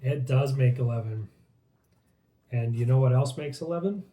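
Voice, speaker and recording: A man's voice: mid-range voice, moderate pace, mellow. A man chatting casually as co-host of a pack opening. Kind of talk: casual chat. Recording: echoey room with faint noise, crinkling packs.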